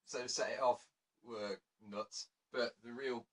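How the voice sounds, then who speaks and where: A man's voice: medium pitch, fairly even intonation, slow pace. A man hosting a casual show, chatty and laughing, often correcting himself. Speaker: radio show host. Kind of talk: casual chat.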